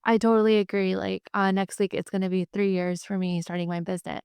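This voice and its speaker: A woman hosting a podcast, chatting in a relaxed, agreeable way with "like" fillers. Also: mid-range voice, fairly quick, clean tone, no echo, studio quality. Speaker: podcast host. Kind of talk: casual podcast conversation.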